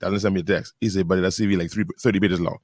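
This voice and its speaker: A man, a pastor hosting a radio talk show, chatting casually, laughing often and reading documents aloud in halting bursts. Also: deep voice, steady tone, a little mellow, slight background noise. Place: radio studio. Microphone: studio microphone.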